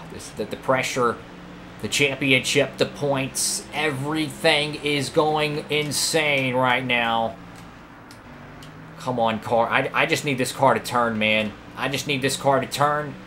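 A man commentating live over his own racing game career run, excitable and prone to sudden outbursts at other drivers and his car. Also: mid-range voice, slow pace, slight background noise. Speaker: gaming YouTuber.

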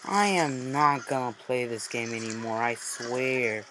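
A man's voice: medium pitch, steady tone, a little slow, noisy background. A young man commenting on his gameplay, muttering in frustration and breaking into sudden outbursts. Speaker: gamer.

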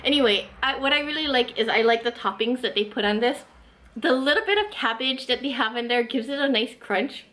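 Seated at a table in a small room, this woman in her thirties, a food vlogger, eagerly chats through a tasting and review, full of casual fillers. She speaks briskly in a slightly high, fairly bright voice with lively intonation.

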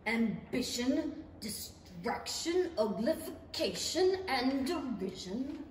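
A mournful, easily offended turtle acted by a woman, ponderously slow yet swooping in pitch. The radio-play delivery is doleful and echoes through a hall. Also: very animated, a little hiss or hum, heavily acted. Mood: wistful, pompous. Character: mournful, touchy old-fashioned Mock Turtle creature. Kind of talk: 1930s-style stage radio play acting. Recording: echoey hall, distant mic.

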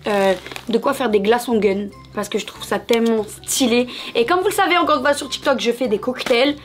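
A woman's voice: fairly high pitch, background noise. A woman in her thirties chatting in a bubbly way through a shopping haul video, talking straight to her viewers. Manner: bubbly, chatty, calls viewers "mes amours". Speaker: haul vlogger. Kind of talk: casual haul video chat.

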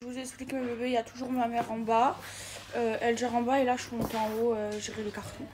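Young adult female vlogger, high and chatty, speaking to camera over heavy background noise. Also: little pitch movement, fast talker, far from the mic. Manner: chatty, talks straight to her viewers. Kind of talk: casual vlog talk to camera.

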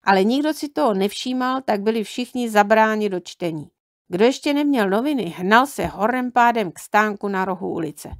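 Woman narrator, storybook reading, calm and measured, dry close sound. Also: mid-range voice, no echo. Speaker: audiobook reader.

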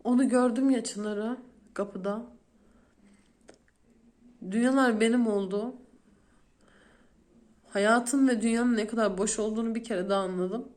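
A woman's voice: on the high side, fairly even intonation, measured pace, long pauses, darkish tone. A woman in her thirties, a vlogger speaking straight to her viewers as she retells a frightening day in detail. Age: 30s. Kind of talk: emotional storytelling to viewers.

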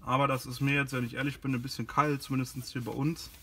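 A man hosts a casual car care product demo in a garage, working inside and beside a car, sounding informal and a little hesitant. His medium-pitched voice is flat, quick, and slightly bright, with a bit of hiss or hum in the recording.

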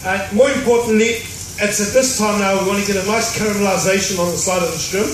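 Chef explaining a recipe in an echoing hall. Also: male voice, high-pitched, steady tone, quick pace. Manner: explanatory, dryly joking. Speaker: cruise ship chef. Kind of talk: cooking demonstration. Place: cruise ship show stage before an audience. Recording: echoey hall, distant mic, noise.

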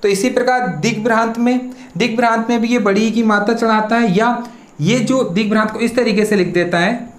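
A teacher's voice is mid-range, steady in tone and fairly quick as they lead an exam-prep spelling lesson. They ask questions, then supply the answers, and spell words out by syllable, all in an echoey room.

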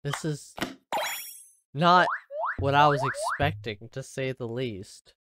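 A man's voice: mid-range voice, takes it slowly, very noisy. A man doing let's-play game commentary, bewildered and stammering through his exclamations. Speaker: gaming commentator.

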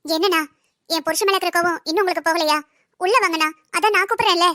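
A performer voicing a gentle young married woman in a cartoon drama who tries to keep peace. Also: extremely high pitch, steady tone, quick pace, dry recording, studio quality. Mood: placating. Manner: soothing, placating.

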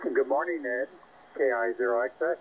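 A man's voice: mid-range voice, husky, no room sound. A man chatting on an amateur radio net, heard over a radio link, chuckling and joking at his own expense. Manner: chuckling, self-deprecating, drawn-out. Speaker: amateur radio operator checking in. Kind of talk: casual radio net chat. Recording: tinny narrow-band radio audio, dry.

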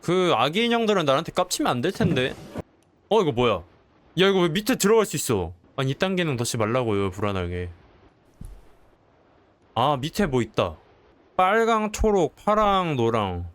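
A man's voice: mid-range voice, big pitch swings, normal speed, pauses often. Jumpy young man playing a horror game. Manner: jumpy, swears and yells when startled, jokey asides. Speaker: gameplay streamer. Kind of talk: horror game let's play commentary.

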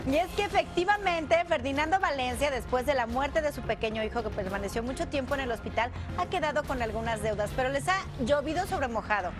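A middle-aged Mexican woman reports showbiz news live from a studio. Her voice is high, with music clearly playing behind it. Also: expressive, fast, hardly any pauses. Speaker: entertainment correspondent.

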